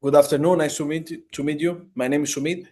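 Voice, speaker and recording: A man's voice: on the high side, fairly even intonation, brisk, a little mellow. A young man from Spain casually introducing himself as a student. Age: young adult. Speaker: intern, student.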